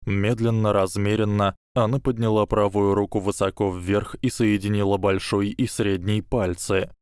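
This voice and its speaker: A man reading an audiobook in measured, even storytelling narration, close to the mic. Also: lowish voice, smooth, no echo.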